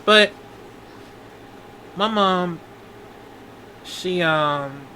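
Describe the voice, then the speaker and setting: A man in his twenties talks slowly in a personal video diary, his voice pitched a little high. He halts often and starts his sentences over, rambling as he goes. A faint hum sits underneath. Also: bright, forceful tone, low-quality recording. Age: 20s. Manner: halting, rambling, full of restarts. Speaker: vlogger.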